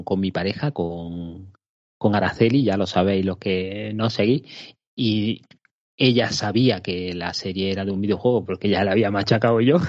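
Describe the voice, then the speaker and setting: A man from Spain with a Spanish accent, co-hosting a podcast in relaxed casual chat, telling stories and laughing often. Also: lowish voice, dry recording, muffled recording. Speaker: podcast co-host.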